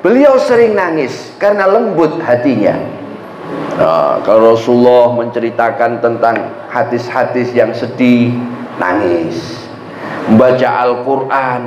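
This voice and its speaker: A man's voice: medium pitch, a little hiss or hum. A man preaching a sermon in a mosque, telling stories with energy and often asking the congregation questions. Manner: lively storytelling, asks the congregation. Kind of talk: sermon storytelling. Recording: echoey, dull lo-fi mosque recording.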